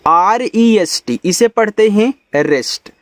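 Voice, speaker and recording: Man, teacher, spells words letter by letter, higher-pitched, dry recording. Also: expressive, no room sound. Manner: spells out letters slowly, then explains in Hindi. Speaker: English teacher. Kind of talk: spelling lesson.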